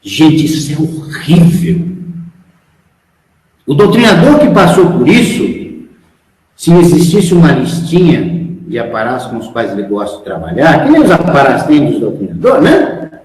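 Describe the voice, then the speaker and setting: A man's voice: a little high, huge pitch swings, normal speed, a little mellow. A man with a Brazilian Portuguese accent giving a frank, emphatic spiritual lecture, asking his followers rhetorical questions. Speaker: spiritual instructor. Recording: echoey hall, long reverb.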